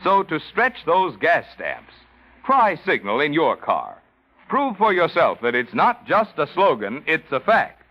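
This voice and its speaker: A man reading a scripted commercial as a radio announcer, in a smooth, persuasive manner. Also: fairly high pitch. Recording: dull 1940s radio recording.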